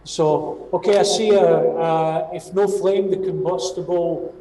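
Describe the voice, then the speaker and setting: A Scottish man with a broad accent delivers a training presentation in a slightly high, warm voice, fairly even in intonation and a little slow, explaining step by step and often checking that listeners are following. The mic is distant, with roomy echo and faint noise.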